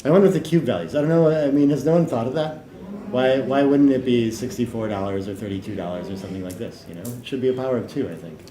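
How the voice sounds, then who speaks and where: A man doing casual, joking commentary on a live tournament stream. His remarks often trail off into quieter asides. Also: mid-range voice, fast. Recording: echoey room with some background noise.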